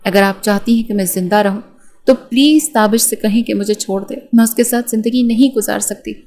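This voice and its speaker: A woman's voice: medium pitch, a little mellow, lightly acted. Woman reading as a frightened pleading young bride. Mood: pleading, tearful.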